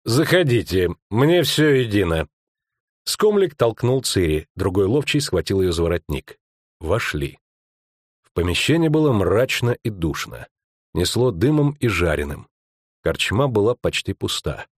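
A man narrating an audiobook in a measured reading voice. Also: low-pitched, big pitch swings, dry recording, clean studio sound. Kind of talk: scripted narration.

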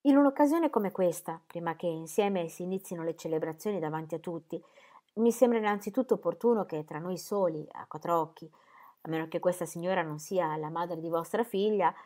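A woman's voice: lowish voice, a little fast, mellow, lightly acted. A woman reading aloud and voicing a stern, stolid German pastor who speaks with severity. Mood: stern insistent. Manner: severe, insistent. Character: stern, simple-minded, stolid German pastor, large man.

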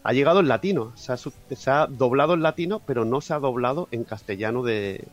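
A man's voice: mid-range voice, expressive, fast. A man from Catalonia with a fairly neutral Spanish accent, chatting as a podcast guest, often restarting his phrases. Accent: fairly neutral Spanish from Spain. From Catalonia, Spain. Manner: chatty, with frequent restarts and fillers. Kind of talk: casual podcast interview.

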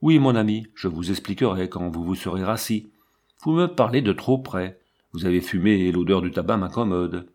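A man voicing a cool, composed banker's wife who speaks with calm, dignified irony. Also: deep voice, moderate pace. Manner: calm, dignified, quietly ironic.

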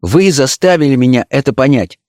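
A man's voice: medium pitch, lively intonation, a little fast, darkish tone, no echo, studio quality, pitched above the performer's own voice, lightly acted. A man reading an audiobook, voicing an ardent, dreamy young actress in love, with impassioned, lyrical delivery. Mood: pleading.

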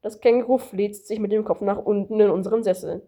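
A woman reading an audiobook aloud in a steady, matter-of-fact narration. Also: mid-range voice, fairly quick. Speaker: audiobook reader.

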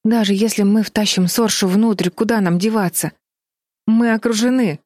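A woman's voice: mid-range voice, steady tone, moderate pace, a little mellow, dry recording, clean studio sound, pitched above the performer's own voice, close to an everyday voice. Woman voicing a determined girl leader. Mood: urgent. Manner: urgent, commanding, rallying.

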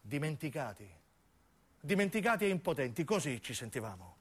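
A man with a southern Italian accent, a stage actor and narrator, performs a dramatic radio monologue that moves from intimate narration into acted dialogue. His voice is slightly high, husky, brisk and sing-song.

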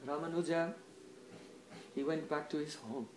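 A spiritual teacher with a high-pitched voice tells a devotional story in an animated way, tossing in a quick "huh?" between story beats to check in with listeners. His voice echoes around the room, with slight background noise.

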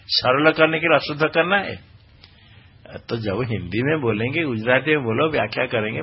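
Husky-voiced man teaching scripture recitation. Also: medium pitch. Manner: exacting, corrects pronunciation point by point; quizzes listeners with questions. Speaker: spiritual teacher. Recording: dull lo-fi recording.

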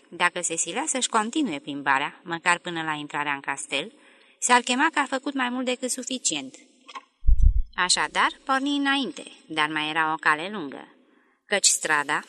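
A woman reads a classic novel aloud in a measured, expressive way. Her voice is fairly low yet bright in tone. Her intonation moves widely. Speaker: audiobook narrator. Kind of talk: literary audiobook narration.

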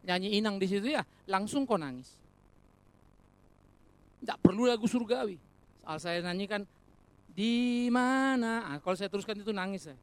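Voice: mid-range voice, brisk, long pauses. A preacher delivering a sermon, speaking directly to the congregation as brothers and sisters and mixing joking asides into earnest points. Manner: animated, rhetorical, addresses congregation as brothers and sisters.

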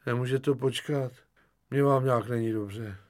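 A man's voice: no echo, studio quality, natural voice. A man voicing a weary, nervous army lieutenant who pleads and frets. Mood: plaintive. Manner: whining, pleading, flaring into shrill panic.

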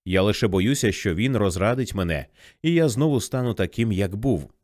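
A man's voice: on the low side, animated, normal speed, darkish tone, dry recording, clean studio sound, close to an everyday voice. A man reading a restless, troubled fireman. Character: restless young male fireman, defiant and searching.

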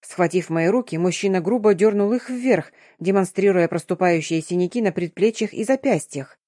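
A woman's voice: moderate pace, dry recording. Woman reading a story, dry close sound. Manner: expressive, shifts pitch for quoted characters. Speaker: audiobook narrator. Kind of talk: scripted narration with character voices.

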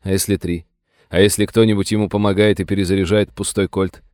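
A man's voice: low voice, little pitch movement, brisk, a little mellow, clean tone, natural voice. A man playing a young deputy who talks in a tense, urgent way, nervous but brave.

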